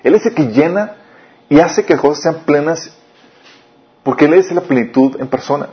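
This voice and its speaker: A man preaching a sermon, often asking the listeners questions and swinging between raised and lowered delivery. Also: moderate pace. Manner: questioning the listeners often, lively rises and drops. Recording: dull lo-fi recording.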